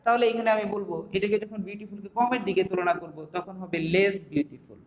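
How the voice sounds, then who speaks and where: A young male teacher with a Bangladeshi accent walks his students through a lesson, asking rhetorical questions as he goes. His voice sits high for a man. The recording carries a roomy echo with a long, lingering reverb. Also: fast talker, slight background noise. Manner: explains step by step with rhetorical questions. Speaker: English teacher. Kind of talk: online classroom lesson.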